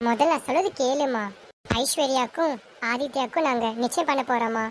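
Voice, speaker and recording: A woman's voice: high-pitched, brisk, slight background noise, lightly acted. A woman playing a stern domineering mother. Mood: businesslike. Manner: commanding, threatening. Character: stern domineering mother, woman, forcing her son's marriage. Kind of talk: homemade serial drama acting.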